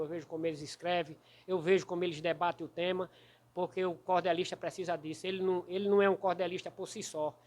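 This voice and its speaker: A man from Rio Grande do Norte with a Potiguar accent, a cordel poet telling stories in an interview in a folksy, animated way. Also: sits high. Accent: Rio Grande do Norte Brazilian Portuguese. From Santo Antônio do Salto da Onça, Rio Grande do Norte, Brazil. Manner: folksy, animated storyteller who taps out verse rhythm. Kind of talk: storytelling interview.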